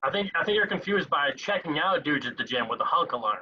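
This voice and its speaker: A man's voice: on the high side, expressive, fast, pushed and bright, husky, highs cut off. A young man co-hosting a casual podcast, bantering and joking with his friends. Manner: joking, laid-back banter. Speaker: podcast co-host. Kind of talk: casual chat.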